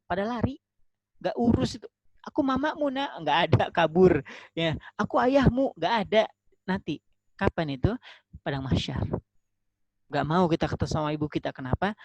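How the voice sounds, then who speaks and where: A man giving a casual Islamic study talk over a video call, acting out small dialogues and dropping to a soft, drawn-out voice for prayers. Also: a little high, no echo. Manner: lively, acts out little dialogues in other voices. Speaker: ustadz giving an online religious talk. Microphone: computer or phone mic on a video call. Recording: dull, slightly lo-fi dry sound.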